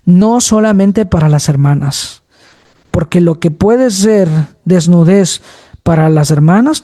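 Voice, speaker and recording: Slow, mellow-voiced male preacher. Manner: slow, shifts between low, middle and high voice; addresses listeners as brothers often. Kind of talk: sermon on preaching.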